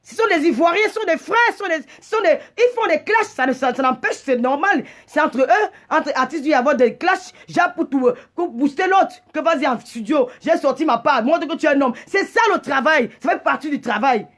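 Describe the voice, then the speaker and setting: Agitated female livestream host, very high pitch, indignant scolding delivery with stammered repeats. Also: lively intonation, fairly quick, few pauses, fairly bright tone. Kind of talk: heated live rant.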